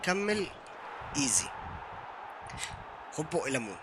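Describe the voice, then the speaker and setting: A young Egyptian man with an Egyptian accent, live-streaming a football game and giving excited commentary while he taunts his opponent. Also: a little high, unhurried, noisy background. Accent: Egyptian Arabic. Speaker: gaming streamer.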